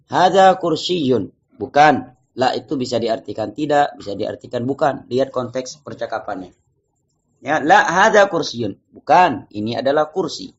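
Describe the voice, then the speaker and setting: A male teacher leading a class, reading phrases slowly and explaining them casually. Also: medium pitch, breathy edge, highs cut off. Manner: drills phrases slowly, students repeat. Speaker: Arabic teacher. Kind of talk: classroom lesson.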